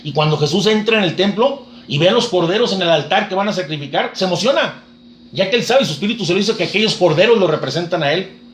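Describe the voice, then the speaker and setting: A man's voice: high-pitched, lively intonation, quick pace, echoey room. A man preaching a sermon, retelling scripture in a fervent storytelling manner.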